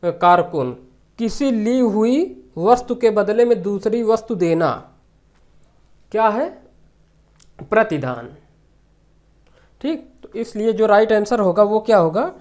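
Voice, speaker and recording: A man's voice: high-pitched, expressive, takes it slowly, long pauses, a little mellow. Male tutor, exam grammar lesson, asks then answers his own questions, repeats terms. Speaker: teacher.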